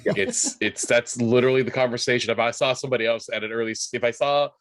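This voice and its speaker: A man opens and steers a relaxed podcast conversation, his voice sitting at an ordinary middle pitch. He talks casually and pokes fun at himself. The sound is close and dry, with no room echo. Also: fast. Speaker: podcast host. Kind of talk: casual panel chat.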